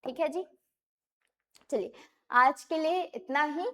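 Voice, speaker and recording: High-voiced woman teaching exam prep. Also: bright, forceful tone. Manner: explains, repeats terms, asks and answers own questions; reads English questions slowly, then explains in Hindi.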